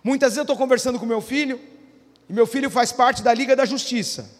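A male pastor with a very high voice preaches a sermon in church, speaking a little fast with a long reverb tail. He often asks the congregation questions and waits for their answers in call-and-response fashion.

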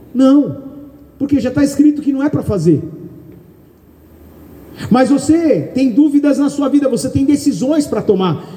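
Brief: loud Brazilian male preacher, very high yet mellow voice, long church-hall reverb. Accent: Brazilian Portuguese. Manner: loud, calls out questions to the congregation. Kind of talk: sermon.

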